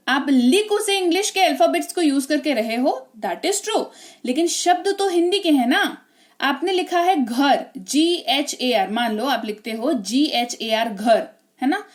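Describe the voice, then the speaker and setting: A high-pitched woman explains English spelling and reading rules step by step. She talks in a chatty, friendly-teacher way and keeps asking her listeners whether they follow. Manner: chatty, keeps checking with "ठीक है?" and "है ना?".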